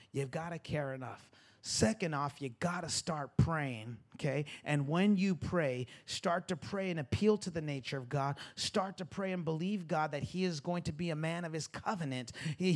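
High-voiced preaching man in his forties. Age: 40s. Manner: builds to near-shouting, repetitive preaching cadence. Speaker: pastor. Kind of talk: sermon.

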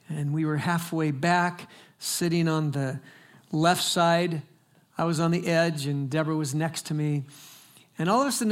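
An older pastor preaches a sermon with a slightly higher-than-usual pitch. He tells his story emphatically and dramatically, pushing loud and then dropping soft, speeding up and then slowing down. He delivers it to a church congregation. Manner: emphatic, dramatic storytelling with big swings in volume and pace.

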